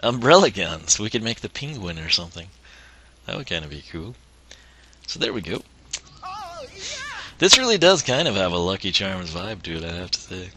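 A man's voice: low-pitched, big pitch swings, moderate pace, pauses often, sharp tone, slight background noise. A man streaming a video game who is losing his voice, chatting casually and chuckling as he plays. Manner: chatty, rambling, chuckles often. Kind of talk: casual let's-play commentary.

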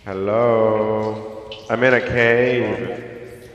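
A man with a lowish voice calls out over a game chat, his voice pushed through a voice changer that makes him sound like he is inside a cave. The sound is dull and lo-fi, like a cheap voice chat line. He talks in a loose, joking way. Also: steady tone, very slow. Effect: voice changer with cave echo. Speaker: gamer chatting on a voice call. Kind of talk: casual chat while gaming.

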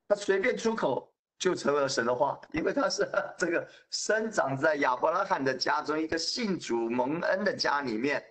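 A man in his fifties preaching a sermon, telling the story in a lively way with acted-out quotes. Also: on the high side.

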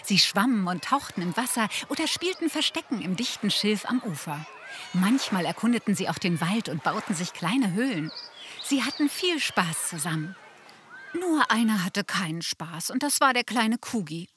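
A woman gently and calmly narrating a children's storybook. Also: mid-range voice, moderate pace, slight background noise. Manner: gentle, calm reading.

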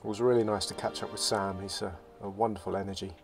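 A man narrating his sailing vlog in a relaxed, reflective voice-over, often restarting his phrases. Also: lowish voice, quick pace, creaky. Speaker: sailing vlogger. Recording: voice-over with loud music behind.

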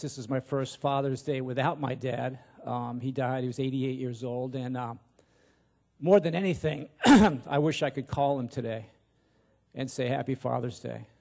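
On stage at a pulpit in a large church auditorium, a sixty-something pastor holds a microphone and delivers a folksy, informal sermon, hesitant and self-deprecating. His mid-range voice is a little mellow.

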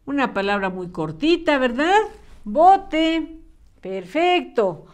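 A woman teaching a spelling lesson to young children, patient and encouraging, spelling words out slowly and clearly. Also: high-pitched, big pitch swings. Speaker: primary school teacher.

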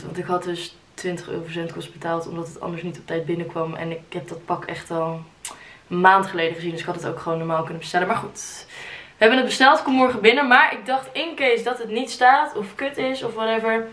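A woman in her twenties, chatty and excitable, talking casually into a handheld camera in her bedroom. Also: mid-range voice, slight background noise, poor audio. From Netherlands. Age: 20s. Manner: chatty, excitable, mixes in English phrases. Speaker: vlogger. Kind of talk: casual vlog chat. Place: bedroom at home, indoors. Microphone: handheld camera close up.

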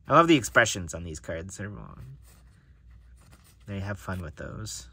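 A card collector reviewing decks talks casually through an unboxing at a table indoors, musing to himself as he handles the cards. His low, husky voice is bright and forceful, swinging widely in pitch while he speaks slowly.

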